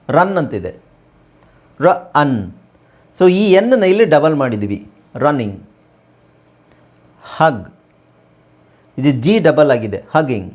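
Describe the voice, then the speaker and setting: A man's voice: medium pitch, a little mellow. A man from Karnataka teaching English spelling rules in a spoken lesson, spelling words out letter by letter and asking rhetorical questions. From Karnataka, India.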